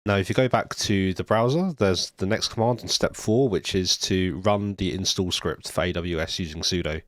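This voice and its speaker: Speaking at normal speed in a low register, this tutorial presenter narrates a coding screencast one step at a time. His voice is congested and nasal from illness, he drops in a few ums, and the studio USB mic captures no room sound.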